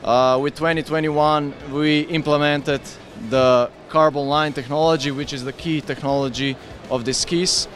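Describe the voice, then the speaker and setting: Eager man pitching skis at a trade fair. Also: fairly even intonation, a little slow, hardly any pauses, fairly bright tone, soft background music. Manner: enthusiastic, explains with hand gestures. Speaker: ski brand representative. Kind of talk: trade fair product interview. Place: busy indoor trade fair hall. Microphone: handheld interviewer mic with windscreen.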